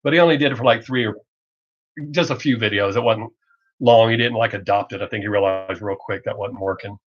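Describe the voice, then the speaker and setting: This fairly low-pitched middle-aged man, Southern American by accent, talks quickly enough that his drawl gets buried. Hosting a live stream as a reaction video creator, he chats casually and bluntly, rambling and joking, and the lo-fi stream audio comes through dull.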